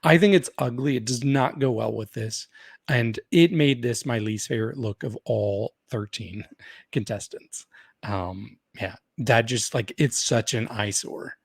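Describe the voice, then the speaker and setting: A man's voice: medium pitch, a little slow, vocal fry, slightly rough, dry recording, studio quality. A man co-hosting a podcast in casual chat, opinionated and chatty, often laughing as he talks. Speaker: podcast co-host.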